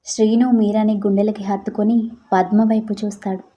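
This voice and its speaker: A woman narrating a scripted love story in a gentle, even storytelling manner. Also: mid-range voice, brisk.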